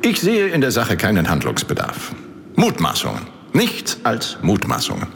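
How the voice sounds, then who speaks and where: A man's voice: on the low side, huge pitch swings, normal speed, creaky, a bit bright, heavily acted. A haughty castle chancellor, speaks with hugely varied intonation. He is skeptical and dismissive in formal archaic words, a gothic audio drama figure in long reverb. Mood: impatient, dismissive.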